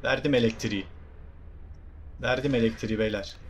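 A young Turkish-accented man streams a game and jokes with his viewers in an excitable way. His voice has an ordinary middle pitch. A faint hiss sits under it. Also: a little fast. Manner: excitable, jokey, talks to viewers. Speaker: gaming streamer. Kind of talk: game commentary.

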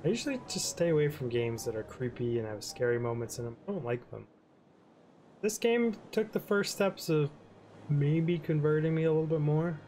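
A man's voice: fairly high pitch, animated, normal speed, warm tone, soft background music. Laid-back rambling man narrating a playthrough. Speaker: gaming channel host. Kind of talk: rambling let's-play commentary over credits.

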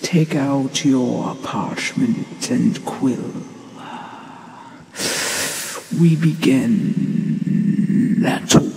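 In a hushed, breathy, deliberate ASMR fantasy roleplay, a performer voices a gentle, ancient dragon teacher, sounding calm, solemn, and commanding, with long pauses. The voice is mid-range, and the audio quality is poor.

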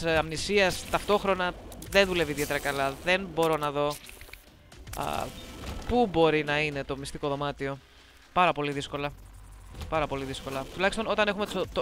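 A woman gives chatty let's-play commentary close to her microphone, with a bright, forceful tone. She is playful and teasing as she talks to her viewers. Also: low voice, slight background noise. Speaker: gameplay commentator. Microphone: close desk microphone.

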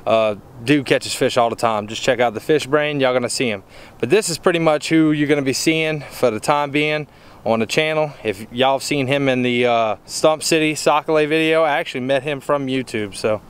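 A young man hosting a fishing channel, talking casually outdoors by a bayou with a relaxed, drawling manner and saying y'all. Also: medium pitch, normal speed, clean tone. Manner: laid-back Southern drawl, says y'all. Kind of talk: casual outdoor vlog talk. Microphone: camera mic, filming selfie at arm's length.

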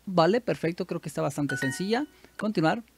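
Brisk and creaky, on the high side and expressive, a YouTuber with a Mexican Spanish accent comments casually on his language-app practice while faint music plays behind. He chats, thinks aloud, and corrects himself along the way.

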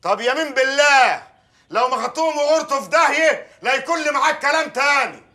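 A man playing a pushy, flirtatious village mayor in a TV drama, speaking with a husky voice. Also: extremely high pitch, lively intonation, fast talker, bright, forceful tone, exaggerated voice. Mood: angry. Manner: coaxing, wheedling, then blustering. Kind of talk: television drama acting.

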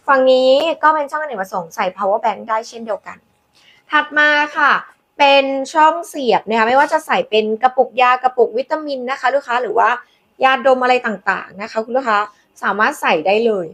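A woman hosting a live sales pitch, demonstrating products in a chatty, coaxing way with polite endearments to customers. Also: a bit bright. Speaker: live-selling host presenting handbags.

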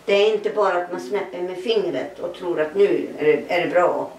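A middle-aged woman giving a personal testimony in an interview, telling her story with animated, laughing re-enactments of dialogue. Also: on the low side, roomy sound, far from the mic, a little hiss or hum, low-quality recording.

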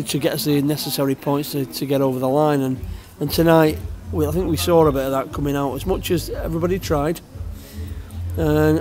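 Sitting in the empty stand of an outdoor stadium, an older football manager does a post-match interview, his speech halting and full of repeated words. He has a fairly high, mellow voice.

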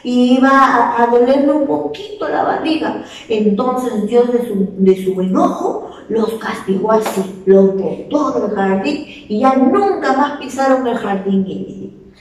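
Peruvian teacher lady telling a kids story real slow, asks them questions, far off in an echoey room. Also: on the high side, slight background noise. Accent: Peruvian Spanish. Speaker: preschool teacher. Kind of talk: storytelling lesson for small children.

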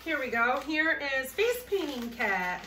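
A woman's voice: sits high, very animated, unhurried. Chatty woman unboxing in an echoey room. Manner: chatty, upbeat, thinks aloud. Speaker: reseller vlogger. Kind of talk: casual unboxing chat. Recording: echoey room, mic at a distance, noisy.

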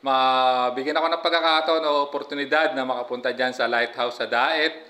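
His voice is mid-range and sharp, a little fast, with fairly even intonation. A middle-aged reaction vlogger, he comments casually over a clip into a close-held phone, frequently dropping the filler "no, guys?"

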